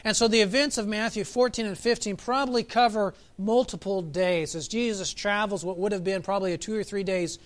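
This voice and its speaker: A man preaching a sermon as pastor, reflective, asking his listeners questions and slowing down for emphasis. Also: high-pitched, steady tone. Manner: reflective, asks the congregation questions, varies pace for emphasis.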